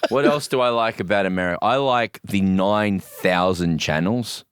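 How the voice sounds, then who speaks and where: A man's voice: lowish voice, normal speed, a bit bright, clear, resonant tone, dry recording, clean studio sound. A man, co-hosting a comedy podcast in an easygoing, playful way. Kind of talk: casual comedic chat.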